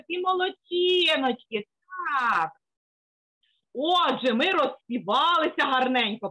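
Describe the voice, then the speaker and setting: A woman's voice: high voice, sharp tone, low-quality recording. A woman leading young children through a finger-exercise lesson over a video call, coaxing and sing-song, with constant praise. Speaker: children's teacher.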